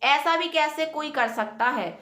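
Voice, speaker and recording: A woman voicing an angry, quarrelsome young wife who shouts accusations, in a roomy echo. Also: high-pitched, measured pace.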